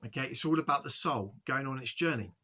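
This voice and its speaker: Male spiritual video host, bright tone, earnest and halting, repeated check-ins with viewers. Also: mid-range voice. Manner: earnest, repetitive, frequent "okay?" check-ins; halting, restarts and stutters. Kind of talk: spiritual monologue to camera.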